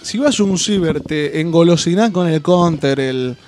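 A man's voice: on the high side, moderate pace, a little mellow, soft background music. An Argentine man hosting a radio show, joking in casual banter and hesitating a lot. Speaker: radio host.

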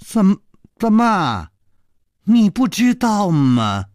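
A man's voice: on the high side, sing-song, slow, a little mellow, no echo, clean studio sound. A male storyteller voicing a clever, wry male hero who speaks in a light, bantering way.

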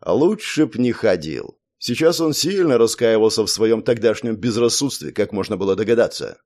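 A man narrating an audiobook in an even, measured storytelling style. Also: fairly low pitch. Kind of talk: scripted narration.

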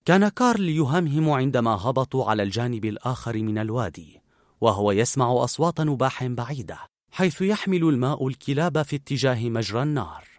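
A man narrating a storybook in an expressive, animated reading. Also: mid-range voice, quick pace, no room sound, studio quality.

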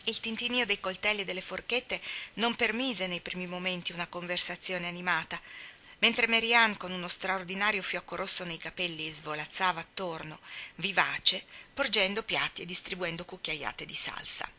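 A woman reading a classic novel aloud in a measured storytelling way. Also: fairly low pitch, pushed and bright. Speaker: reader. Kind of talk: audiobook narration of a classic novel.

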